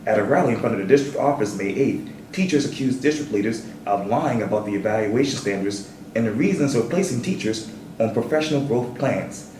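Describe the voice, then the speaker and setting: Guy hosting a local interview, measured, roomy sound, a bit off mic. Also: mid-range voice, a little mellow, distant mic, slight background noise. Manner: measured, reads statements aloud. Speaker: interviewer and show host.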